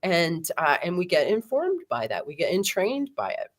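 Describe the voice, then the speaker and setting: A middle-aged woman guest in a casual interview, chatty and animated, laughing often and tagging her points with "right?". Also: on the low side, normal speed.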